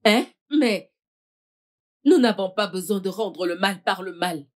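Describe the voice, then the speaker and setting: A woman dubbing a mother who begs her angry children to calm down, in a French film dub. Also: medium pitch, unhurried, natural voice. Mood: pleading. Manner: pleading, soothing.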